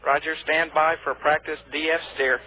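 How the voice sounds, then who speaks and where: A man's voice: a little high, little pitch movement, moderate pace. A male mission control communicator giving brief, procedural messages to astronauts over a space radio link. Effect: space radio transmission. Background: radio static and noise.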